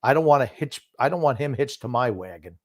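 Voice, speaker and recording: A man's voice: medium pitch, expressive, fairly quick, no room sound. An older man talks sports casually in a mid-range voice. He gives firm opinions, drifts into reminiscence and repeats key phrases for emphasis. The sound is dry, with hardly any room. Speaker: sports talk show host known as the grumpy old man.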